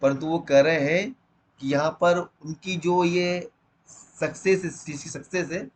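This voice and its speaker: A man teaching a literature lesson line by line. He reads the English text slowly, then explains it quickly in Hindi. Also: a little high, fairly even intonation, slight background noise, poor audio.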